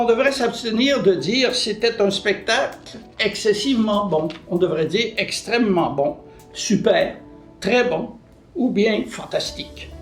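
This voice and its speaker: A man presents a short language lesson, his voice pitched high for a man. He works through example sentences in a patient, didactic way and answers his own questions. The room is echoey, with faint music underneath. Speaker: French language columnist.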